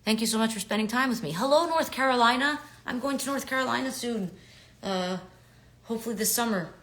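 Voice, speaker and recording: A New York woman in her thirties chats with fans in a casual, upbeat way while signing autographs on a livestream, using plenty of fillers and murmuring quietly as she writes. Her voice sits on the high side, and she talks a little fast.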